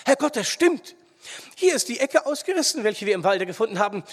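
Man putting on a gruff old forester, blunt, lively pitch swings, gravelly, long reverb. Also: measured pace, full character voice. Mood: alarmed, excited.

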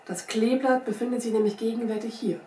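A woman's voice: on the high side, fairly even intonation, brisk, dark tone, natural voice. A sly little old scout of the frontier, folksy and wry, sure of himself, as a woman puts him on. He is heard from some way off in a roomy space. A faint hiss sits under the voice. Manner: folksy, drawling, wry, self-assured. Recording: roomy sound from a distant mic, faint hiss.

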